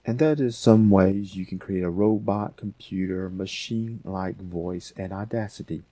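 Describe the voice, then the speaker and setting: A man with a very low, dark voice hosts a casual software tutorial at a moderate pace, thinking aloud unscripted as he works. The recording is dry and close-miked.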